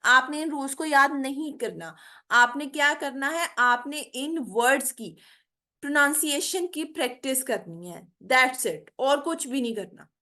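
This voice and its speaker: A woman's voice: sits high, expressive, bright, forceful tone. A woman teaching pronunciation in an online lecture, explaining patiently and checking in often with her students. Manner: explains slowly, mixing Hindi with careful English, keeps saying "theek hai". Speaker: English teacher. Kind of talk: online spoken English lecture.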